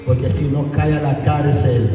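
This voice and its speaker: A man preaching a sermon with fervor, rising to high shouts and slowing for emphatic lines. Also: fairly even intonation. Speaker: evangelist preacher. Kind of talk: Spanish-language sermon. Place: large echoey hall. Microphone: distant from the mic. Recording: echoey hall recording from far off with faint ambience.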